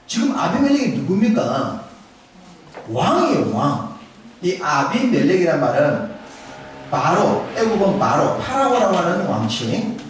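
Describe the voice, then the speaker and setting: Lively male pastor in an echoey hall. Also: high-pitched, unhurried, a little hiss or hum. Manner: animated, acts out voices of biblical figures and asks the congregation questions. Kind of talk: Sunday sermon. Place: church sanctuary. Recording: echoey church hall, voice from a distance.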